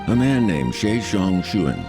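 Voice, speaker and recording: A man's voice: low voice, big pitch swings, unhurried. A man reading scripted documentary narration as the narrator of a program. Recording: background music under narration. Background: music.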